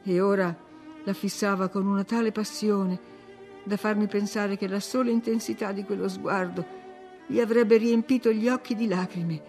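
A woman reading a classic novel aloud in measured, expressive literary narration. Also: mid-range voice, faint music behind. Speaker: audiobook reader.

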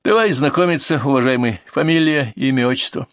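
A man voicing a gruff, tired male ambulance doctor with a stern, mocking manner, in a storybook reading. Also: mid-range voice, fairly quick, a bit bright, no room sound, clean studio sound, voice pushed up, close to an everyday voice.

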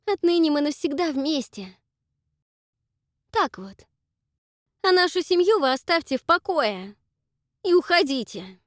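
A woman's voice: a little high, sing-song, normal speed, few pauses, no room sound, clean studio sound, pitched above the performer's own voice. A woman doing Dakota, a cold bitter young woman. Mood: cold hostile. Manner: sharp, cold, commanding. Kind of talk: audiobook character voice.

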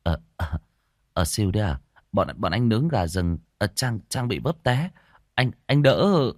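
A man's voice: sits low, animated, moderate pace, darkish tone, no echo, clean studio sound. A man voicing a flustered young man who stammers and hesitates. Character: flustered young man caught between two women.

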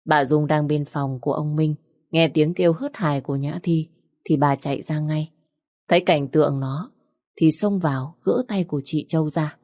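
A woman narrating a serialized romance story in a steady, plain manner. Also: low-pitched, normal speed, dry recording, studio quality.

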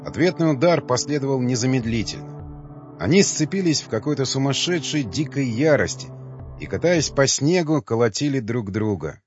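A man narrating an audiobook in a dramatic, expressive way. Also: medium pitch, moderate pace, soft background music. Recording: dull, slightly lo-fi dry recording.

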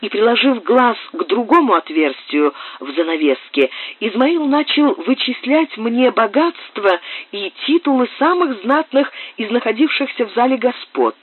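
High-voiced, lively male audiobook narrator. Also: normal speed, slightly rough, no echo. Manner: expressive, dramatic reading. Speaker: audiobook reader. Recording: dry, tinny phone-like sound.

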